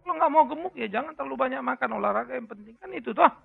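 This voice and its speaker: A man preaching a sermon with an Indonesian accent, lively and joking, breaking into sudden loud bursts. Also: very high-pitched, racing, gravelly, breathy edge. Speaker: pastor. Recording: tinny phone-like sound.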